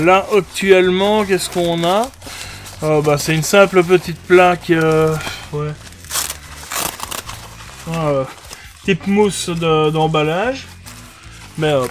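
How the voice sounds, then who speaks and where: A man walks through a budget tactical vest in a relaxed review. His voice sits on the higher side, and he hesitates often, circling back with fillers. Soft music plays faintly underneath. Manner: hesitant, many fillers and restarts. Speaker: airsoft gear reviewer. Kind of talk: casual product review.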